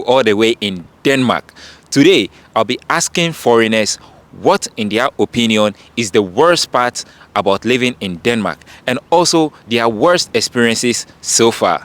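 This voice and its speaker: A man's voice: mid-range voice, fairly bright tone. A man hosting a casual street interview outdoors, speaking into a handheld mic with an upbeat intro. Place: outdoors in a city park.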